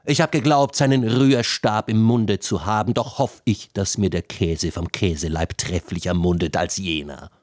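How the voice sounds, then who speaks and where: A man's voice: low voice, normal speed, hardly any pauses, darkish tone, dry recording, clean studio sound, close to an everyday voice. A man voicing a scornful middle-aged mother who mocks and jeers, in a storybook reading. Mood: mocking. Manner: mocking, jeering.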